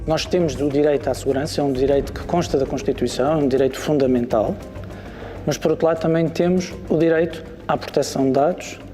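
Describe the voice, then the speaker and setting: A man with a European Portuguese accent gives an interview explanation. His voice is fairly high and very soft-toned, with long reverb and faint music behind. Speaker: legal commentator.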